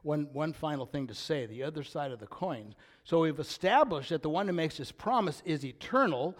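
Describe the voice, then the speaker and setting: Older male preacher, loud then hushed. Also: on the high side, animated, moderate pace. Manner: swings from loud emphatic declarations to hushed near-whispers; reads scripture aloud with rising intensity. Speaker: pastor. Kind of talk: sermon.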